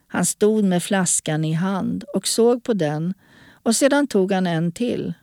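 A woman narrating an audiobook story in a calm, even storytelling manner. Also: fairly low pitch, creaky, no echo, studio quality.

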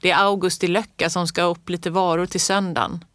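A woman's voice: lowish voice, little pitch movement, dry recording, studio quality, natural voice. Woman putting on a cheerful shopkeeper woman. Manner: bright, calling out, cheerful.

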